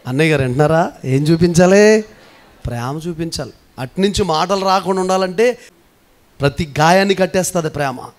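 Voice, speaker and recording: A man preaching a sermon as pastor, animated and teasing, calling on the congregation to answer back. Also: a little high, brisk.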